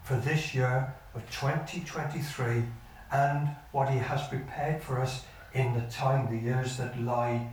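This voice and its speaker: An older man preaching a sermon as pastor, earnest and measured, his sentences often sinking low at the end. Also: steady tone, slight background noise. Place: church hall. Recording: echoey church hall from far off.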